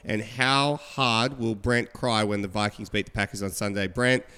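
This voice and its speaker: A man hosting a casual sports podcast, telling stories with animated quoting. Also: lowish voice, moderate pace, clean tone, in a large hall. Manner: animated storyteller, acts out quotes. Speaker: podcast host. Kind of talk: casual chat.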